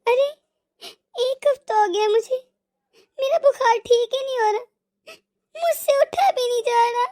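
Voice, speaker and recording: A woman's voice: very high-pitched, normal speed, a bit bright. A woman voicing a sick, meek young daughter-in-law in a cartoon, crying and pleading weakly. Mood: complaining. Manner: weak, tearful pleading.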